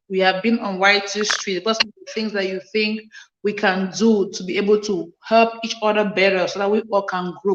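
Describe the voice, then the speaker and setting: A woman's voice: mid-range voice, roomy sound, highs cut off. A woman hosting a casual livestream chat, reading viewer comments aloud and answering them earnestly, often repeating phrases for emphasis. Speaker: livestream host.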